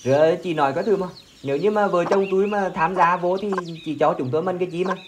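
A man playing a gruff stubborn village husband. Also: high-pitched, background noise, natural voice. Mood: wary. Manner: gruff, dismissive, quick to shout. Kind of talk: amateur village skit acting.

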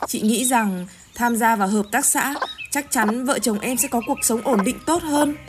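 A kindly village cooperative leader in a rural skit, acted by a woman. She talks gently and persuasively in a fairly high voice. There is noise in the recording. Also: normal speed, lightly acted. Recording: noisy outdoor skit recording.

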